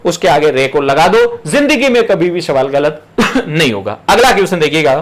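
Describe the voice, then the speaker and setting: A man with a high, light voice gives an exam prep lecture from Rajasthan. He drills each rule again and again and talks directly to his students, step by step. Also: big pitch swings, normal speed. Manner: emphatic, repetitive drilling of rules. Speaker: teacher.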